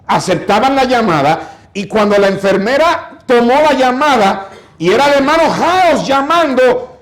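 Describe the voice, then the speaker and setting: A man's voice: very high voice, expressive, normal speed, reverberant. A man preaching a sermon as pastor, telling a story dramatically and exhorting his listeners. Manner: dramatic storytelling, acting out quoted voices; scolding, exhorting. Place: church.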